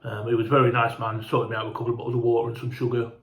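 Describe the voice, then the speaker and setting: A man's voice: mid-range voice, level tone, racing, reverberant, muffled recording. A man telling a casual, rambling travel story, sweary and chatty, sounding hungover and unwell. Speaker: fan vlogger.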